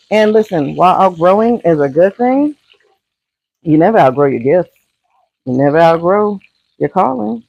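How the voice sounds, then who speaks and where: A woman with a husky morning voice chats casually to her viewers while cooking, giving business coaching and calling them y'all. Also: lowish voice, no room sound, highs cut off. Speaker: brand coach. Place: home kitchen, cooking.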